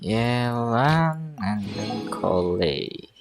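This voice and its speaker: In a gravelly, mid-range voice, a game streamer mutters and chats hesitantly while live, drawing out words expressively. Game music can be heard behind them.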